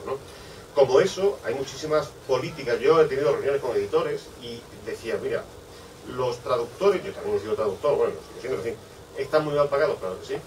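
A man, a book publisher speaking on a bookshop panel, rambling with many asides and repeated "es decir". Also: medium pitch. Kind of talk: panel discussion. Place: bookshop event space. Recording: distant mic, faint room noise.

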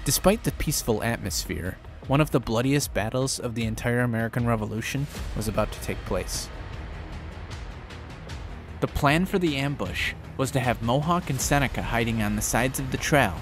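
A man's voice: medium pitch, moderate pace, music in the background. A man hosting a history channel, narrating a battle in a casual, conversational storytelling way.

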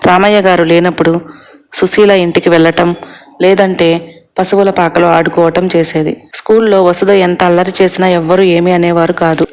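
A steady storyteller narrating a scripted tale. The voice sits in a middling register and stays very flat, with the pitch barely moving from line to line.

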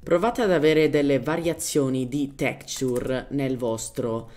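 A man's voice: medium pitch, slow pace, a little mellow, soft background music. Man giving casual game tutorial commentary. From Germany. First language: German. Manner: informal, searches for words in Italian, drops in English terms. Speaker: gaming tutorial host.

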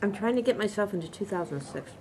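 A middle-aged woman teacher playing a movie trivia game, chatting in a lively way with exclamations. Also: mid-range voice, quick pace, slight background noise. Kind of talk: casual trivia game chat.

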